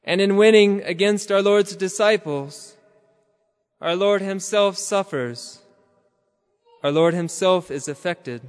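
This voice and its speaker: Man, sermon, slow and solemn, half-chanted, high voice, long churchlike reverb. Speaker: preacher.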